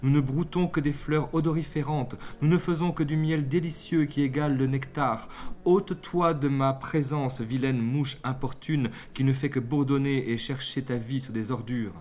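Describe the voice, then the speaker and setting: A man's voice: mid-range voice, flat delivery, unhurried, hardly any pauses, a little mellow, a little hiss or hum, lightly acted. A man doing a furious, scornful bee. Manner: haughty, scolding.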